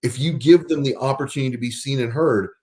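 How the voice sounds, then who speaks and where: A man hosting a podcast in casual conversation, explaining resources and spelling out words slowly. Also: mid-range voice, darkish tone. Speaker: podcast host.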